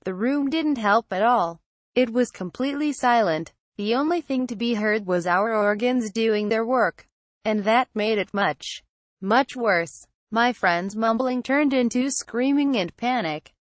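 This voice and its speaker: A woman reading a horror story aloud in a steady, somber storytelling manner. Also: fairly high pitch, a little slow, dry recording. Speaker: narrator.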